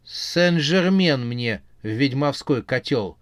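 A man voicing an irritable, sharp-tongued young witch who scolds and retorts in exasperation. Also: mid-range voice, lively intonation, takes it slowly, no room sound, clean studio sound. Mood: exasperated.

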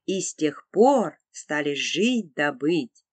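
A woman narrates a children's folk tale with lively, expressive intonation. She takes her time over each phrase, and the recording is dry. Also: low-pitched, takes it slowly, no room sound. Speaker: storyteller. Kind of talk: scripted fairy-tale narration.

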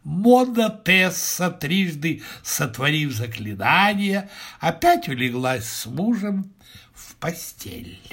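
A man reading a classic tale aloud in measured, expressive scripted narration. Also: on the high side, husky. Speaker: reader.

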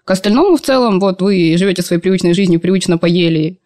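A woman's voice: fairly low pitch, quick pace, dark tone, no room sound, clean studio sound. A woman speaking as an expert endocrinologist, giving conversational medical commentary in an explanatory, good-humoured way.

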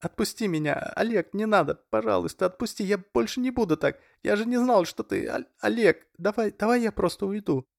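A male reader voicing a frightened young woman who pleads in a high, strained voice. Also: sing-song, moderate pace, no echo, clean studio sound. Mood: pleading.

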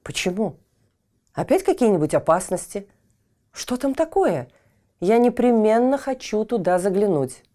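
A bold, curious young boy from a storybook, acted by a woman storyteller, eager and determined. His voice sits clearly higher than the reader's own. He presses his questions and stands firm. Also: very animated, unhurried, warm tone. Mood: insistent.

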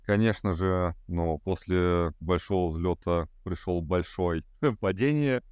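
Very low, smooth-voiced man in his thirties. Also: slow, a little mellow, dry recording, clean studio sound. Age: 30s. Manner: hesitant, many fillers, laughs at himself. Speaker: podcast guest. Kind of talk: casual conversation.

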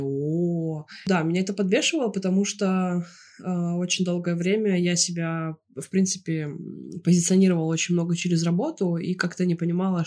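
A woman from Russia co-hosting a podcast, talking casually and reflectively about herself, pausing to search for words. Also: on the low side, darkish tone. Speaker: podcast co-host. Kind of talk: casual personal chat.

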